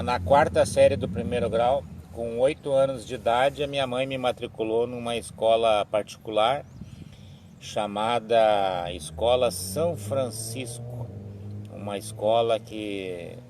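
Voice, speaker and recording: A man speaks in a fairly low voice. He talks slowly and haltingly during a religious live stream, often restarting his sentences. Faint street noise sits behind him. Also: creaky, darkish tone. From southern Brazil. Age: 60s. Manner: slow, halting, many restarts and tag questions.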